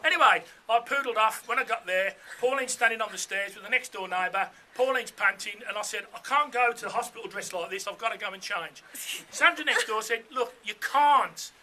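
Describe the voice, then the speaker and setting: Male, middle-aged; piercingly bright, high-pitched voice; jokey, conversational wedding speech. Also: brisk, hardly any pauses, slight background noise. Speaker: father of the bride giving a speech. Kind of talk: informal wedding speech with comic anecdotes. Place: room full of wedding guests.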